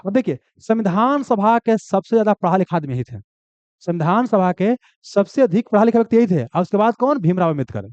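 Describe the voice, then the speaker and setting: A man's voice: sits high, big pitch swings, a little fast, darkish tone, no room sound. A man teaching an exam coaching class, repeating key answers and asking and answering his own questions. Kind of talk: classroom lecture. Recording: dull, dry, lo-fi sound.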